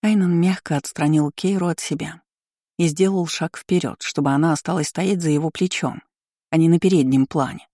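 An audiobook narrator reading a fantasy novel in a steady, even storytelling manner. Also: medium pitch, moderate pace, no echo, studio quality.

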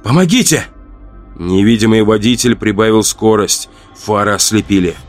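Low-voiced male horror audiobook narrator. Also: moderate pace, soft background music.

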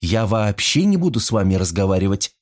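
A man voicing a polite young woman who grows sharp and indignant, in a storybook reading. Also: on the low side, very animated, fairly quick. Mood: indignant, furious.

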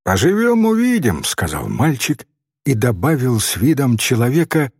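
A man narrating a story in an expressive, gently ironic way. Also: mid-range voice, moderate pace, husky, dry recording, clean studio sound. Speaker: audiobook narrator.

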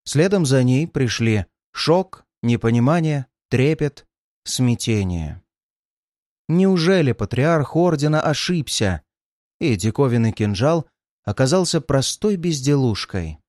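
Man reading a dark fantasy audiobook. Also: medium pitch, lively intonation, takes it slowly, no room sound, clean studio sound. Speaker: audiobook narrator. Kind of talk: scripted dark fantasy narration.

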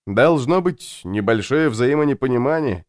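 A man voicing a polite, unflappable Japanese businessman who speaks in a courteous, calm and measured way. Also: medium pitch, no room sound, studio quality, natural voice.

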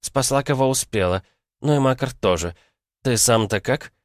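A man voicing a fierce, blunt warrior woman who speaks forcefully. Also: mid-range voice, moderate pace, no echo, studio quality, pitched above the performer's own voice, lightly acted.

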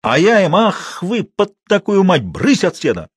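A man voicing a gloomy, superstitious old village night watchman who talks slowly in rustic speech. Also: a little high, very animated, no echo, studio quality, voice pushed up. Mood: gruff, mysterious. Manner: slow, dialect-heavy, mysterious.

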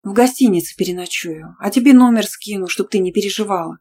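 A woman voicing a stubborn older sister who is ill, speaking hoarsely, weak but insistent. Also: medium pitch, fast, warm tone, a little hiss or hum, lightly acted.

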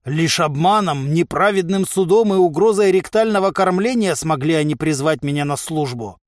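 A man's voice: on the high side, expressive, unhurried, no echo, clean studio sound. A man voicing a proud, pompous giant of a warrior who speaks grandly. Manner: grandiose, self-important.

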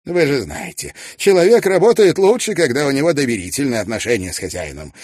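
A male reader voicing a sharp-tongued young woman in an audiobook, speaking with a teasing, ironic edge. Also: medium pitch, big pitch swings, fairly quick, slightly rough, no echo, clean studio sound, pitched above the performer's own voice.

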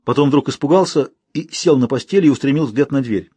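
A man narrating an audiobook in a measured, steady reading. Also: mid-range voice, breathy edge, no echo. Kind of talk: scripted narration.

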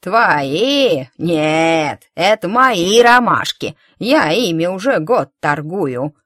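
Woman reader putting on a bitter toothless crone for a storybook, slow and loud, a touch low. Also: big pitch swings, no room sound, clean studio sound, exaggerated voice. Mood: scolding. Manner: slow, loud, drawn-out scolding. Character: spiteful toothless old woman flower-seller, bitter.

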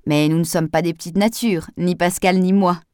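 A woman reading aloud, voicing a lively young woman with a playful, teasing manner. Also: on the low side, normal speed, smooth, no echo, studio quality, natural voice.

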